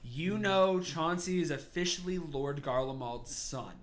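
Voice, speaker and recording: A man's voice: fairly high pitch, measured pace. A man narrating a tabletop game as game master, laid-back, swearing and laughing often.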